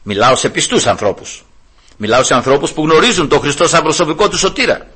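A man in his sixties giving a sermon, preaching with swings between hushed low passages and raised, emphatic highs. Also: expressive, slightly rough. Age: 60s.

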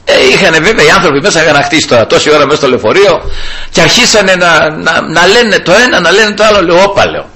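A man's voice: fairly high pitch, pushed and bright, slightly rough. A man preaching an evangelical sermon, fervently repeating "brothers" and "glory to the Lord" as he tells a personal story.

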